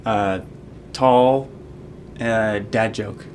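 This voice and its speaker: A young man from Canada, a student managing editor answering interview questions in a relaxed, rambling way with many ums. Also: lowish voice, drawn-out words, slight background noise. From Fredericton, Canada. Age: young adult.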